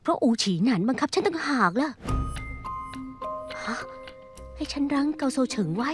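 Brief: a nervous, defiant schemer, high and lively, for a Thai drama dub, with faint music. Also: female voice, moderate pace. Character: scheming young woman, anxious, defiant.

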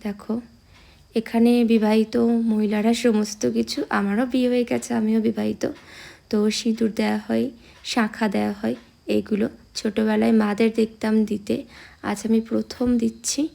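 A young woman chatting casually to her viewers in a vlog, her voice a little hoarse from a cold, speaking outdoors on a phone camera. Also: fairly high pitch, level tone, normal speed, warm tone. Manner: chatty, addresses viewers directly. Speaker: vlogger. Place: temple grounds outdoors.

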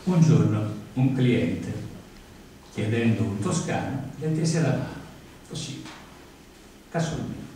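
A man's voice: animated, slow, pauses often, dark tone, slight background noise. A man giving a theatrical, rhythmic recitation of comic verse at a live event, recorded from a distance in a large hall. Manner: rhythmic, dramatic delivery with varied pitch. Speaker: poetry reciter. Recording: echoey hall, far from mic.

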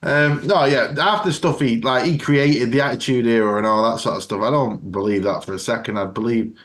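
A man in easy podcast chat, his voice sitting at an ordinary middle pitch. He rambles in loose, hedging sentences and often drops into playful mocking impressions of the people he talks about. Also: fairly quick. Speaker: podcast co-host. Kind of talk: casual chat.

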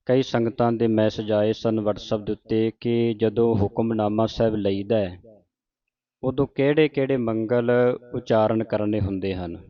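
Man teaching scripture recitation slowly. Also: fairly low pitch, steady tone, lo-fi sound. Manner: recites verses slowly and deliberately, then explains. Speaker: Gurbani teacher. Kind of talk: religious pronunciation lesson.

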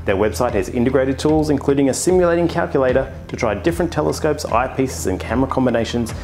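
Australian male host, mid-pitched, quick deadpan ad-read delivery. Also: soft background music. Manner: deadpan mock-salesman delivery. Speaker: astronomer and channel host. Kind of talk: comedic sponsor read.

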